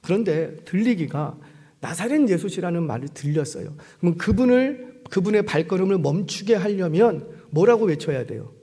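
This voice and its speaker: Animated high-voiced pastor preaching. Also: male voice, moderate pace, breathy edge. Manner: animated storytelling, acting out voices and questioning the congregation. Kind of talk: sermon. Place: church sanctuary. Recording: long hall reverb.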